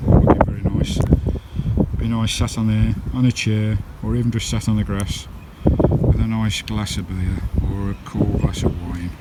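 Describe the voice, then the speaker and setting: A British man narrates his outdoor campervan vlog in a lowish voice with a flat delivery at normal speed. He's informal and chatty, often saying "guys" to his viewers, while wind and loud noise dominate the handheld audio.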